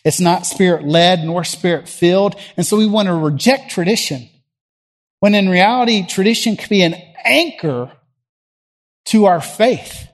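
With a high-pitched, animated voice and a measured pace, a middle-aged man with a Southern US accent gives a conversational sermon from a church platform. He asks the congregation questions and alternates between loud and quiet delivery.

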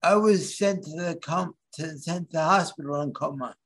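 Guy from philly area, bit higher voice, halting, keeps restarting his sentences. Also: breathy edge. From Philadelphia area. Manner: halting, searching for words with many restarts. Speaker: guest. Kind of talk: interview conversation.

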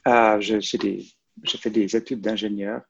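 Invité, homme de quarantaine, accent vaudois, cherche ses mots, timbre grave. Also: male voice, lowish voice, flat delivery, moderate pace, creaky, slight background noise. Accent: Swiss French, Vaud. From Switzerland. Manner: hesitant, many fillers and restarts. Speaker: guest, librarian and photographer. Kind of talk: casual interview answers. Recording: muffled, lo-fi.

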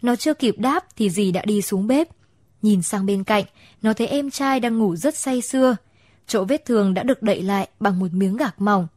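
A woman narrating a short story in a gentle, even storytelling manner. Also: medium pitch, moderate pace, dry recording, clean studio sound.

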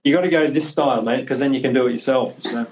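A man's voice: medium pitch, fast, a little hiss or hum, low-quality recording. A man hosting a casual podcast, friendly and rambling, often restarting his sentences. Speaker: podcast host, clinic representative.

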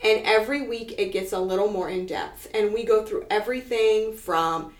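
A woman co-hosting a podcast, speaking in a calm, even tone while explaining programs. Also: mid-range voice, normal speed. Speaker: podcast co-host and program facilitator. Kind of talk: casual banter and explaining programs. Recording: echoey room.

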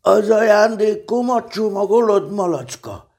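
A man reading a storybook, voicing an eager, impatient little male teddy bear who chatters excited questions. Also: sits high, voice pushed up.

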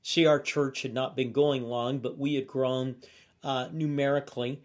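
A male pastor giving a motivational leadership sermon in a deliberate, measured way with pauses. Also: medium pitch, level tone.

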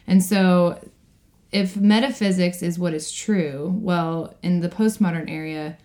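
Lower-voiced woman co-hosting a faith podcast. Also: steady tone, measured pace, a little mellow. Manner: thoughtful, laughs easily, restarts phrases. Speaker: podcast co-host.

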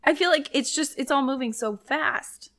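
A woman in her thirties co-hosting a podcast, chatty and quick to laugh in casual run-on talk. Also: high voice, fairly bright tone. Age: 30s. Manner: chatty, laughs easily, talks in loose run-on bits. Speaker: podcast co-host. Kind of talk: casual chat.

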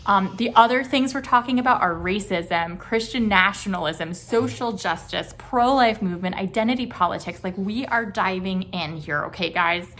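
A woman's voice: mid-range voice, moderate pace, hardly any pauses, a bit bright. Gushing woman podcast host. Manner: effusive, gushing, many fillers like "just" and "like". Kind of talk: enthusiastic podcast introduction and interviewing.

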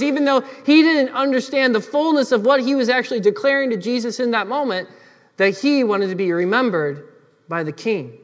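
High-voiced pastor preaching in a reverberant hall. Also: male voice. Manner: earnest preaching, drops to soft emphatic phrases. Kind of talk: sermon.

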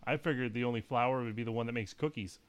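A man's voice: mid-range voice, fast talker, clear, resonant tone. A man co-hosting a casual podcast, trading playful jokes and laughing often. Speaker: podcast co-host.

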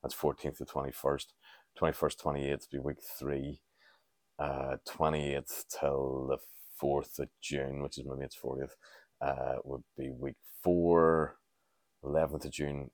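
A man's voice: rumbling low, darkish tone, dry recording, studio quality. A man, chatting casually and candidly as a podcast host, rambling and swearing freely. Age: 40s. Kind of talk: casual solo chat.

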